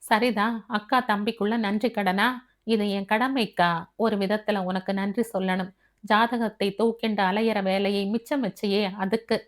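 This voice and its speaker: A woman reading as a steady young man who reassures his elder sister and teases her gently. It is an audiobook figure at an everyday middle pitch. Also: measured pace, lightly acted. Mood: reassuring.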